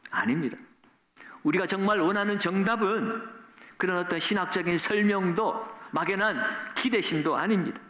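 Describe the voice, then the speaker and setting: Middle-aged guy pastor preaching, pretty high voice, lots of "isn't it?" questions, echoey church. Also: lively intonation, moderate pace, pushed and bright. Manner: earnest preaching, often asks the congregation rhetorical questions. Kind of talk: sermon. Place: church sanctuary.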